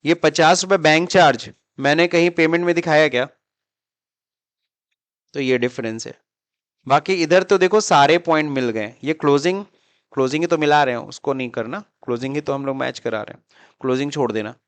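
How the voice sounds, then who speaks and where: A male accounting teacher from India lecturing in Hindi sprinkled with English terms, checking in with his students through constant little questions. His voice sits a bit high, and the recording is close and dry with no room echo. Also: brisk. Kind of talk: classroom lecture.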